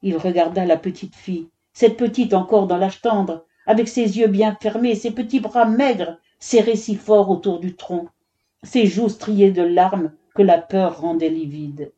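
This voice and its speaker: A woman's voice: medium pitch, unhurried, dark tone, muffled recording. A woman narrating a children's story expressively, giving each character a voice.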